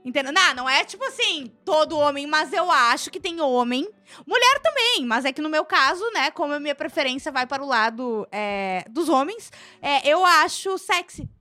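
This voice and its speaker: A woman's voice: sits high, animated, moderate pace, sharp tone, soft background music. A woman with a southern Brazilian accent chatting casually and teasingly as a podcast co-host. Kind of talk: casual chat.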